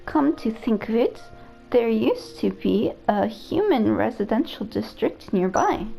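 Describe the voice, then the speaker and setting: A woman's voice: on the high side, expressive, measured pace, vocal fry, warm tone, faint music behind, heavily acted, poor audio. A woman reading as a fretful robot AI caretaker. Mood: concerned. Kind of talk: reading game dialogue aloud.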